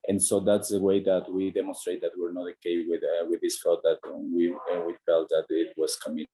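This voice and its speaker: Deep mellow man with an Ecuadorian accent. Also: completely flat delivery, a little fast, husky, low-quality recording. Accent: Ecuadorian Spanish. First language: Spanish. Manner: hesitant, many fillers and restarts. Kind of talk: casual talk over a video call.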